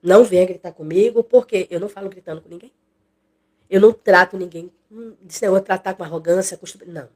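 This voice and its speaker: A woman's voice: on the low side, quick pace, a little mellow. A woman teaching an expository Bible study in a conversational way, repeating phrases and acting out what people say.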